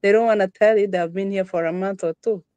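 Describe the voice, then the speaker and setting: A Rwandan woman with a Rwandan accent speaks casually as a podcast guest being interviewed, repeating phrases for emphasis. Her medium-pitched voice is steady and warm, and she talks at a quick pace. The recording is dry.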